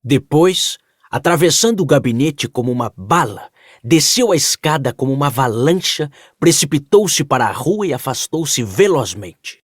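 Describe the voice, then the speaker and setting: A male audiobook narrator telling the story expressively, his pitch moving a lot. He is recorded close and dry, with no room sound. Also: expressive, moderate pace, no echo. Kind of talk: scripted narration.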